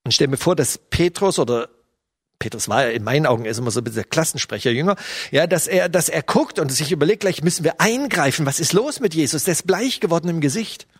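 A man's voice: fairly high pitch, lively intonation, fast talker, breathy edge, no echo, clean studio sound. A middle-aged man giving a sermon, retelling a scene in a loose, storytelling way with fillers. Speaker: preacher.

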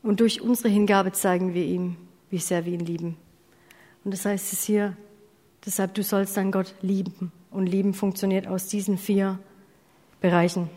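Her delivery flat and her tone mellow, a woman preacher speaks at a mid-range pitch and normal speed. She's earnest and direct, posing questions to listeners and sometimes correcting herself with apologies for slips. The hall reverb is long.

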